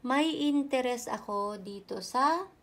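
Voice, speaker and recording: A woman teacher talks through grammar at an unhurried pace. Her voice has a gravelly, creaky edge. She repeats every example twice and checks with short tag questions. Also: sits high, lively intonation. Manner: repeats each example sentence slowly, checking with "ne?"; polite and patient, uses respectful "po". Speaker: Japanese language teacher. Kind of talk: explaining grammar in a lesson.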